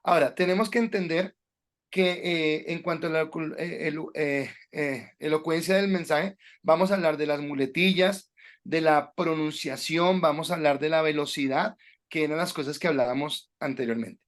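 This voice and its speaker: Man with a higher voice teaching preaching. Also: normal speed. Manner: instructive, addresses the class directly with frequent hesitations. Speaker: preaching instructor at a Bible school. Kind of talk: classroom lecture on sermon delivery.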